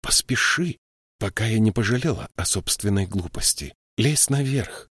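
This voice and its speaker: A man's voice: fairly low pitch, expressive, moderate pace, husky, dry recording, clean studio sound, voice pushed up. A man doing a fiery young troll woman. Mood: exasperated. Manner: scolding, sharp exasperated outbursts. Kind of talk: audiobook character voice.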